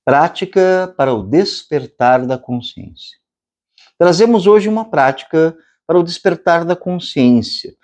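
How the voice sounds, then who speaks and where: A man with a Brazilian Portuguese accent giving a spiritual meditation lecture, speaking slowly and deliberately with long pauses and chanting drawn-out vowels. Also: fairly high pitch, expressive, a little mellow. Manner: slow, measured delivery with long pauses. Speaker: meditation instructor.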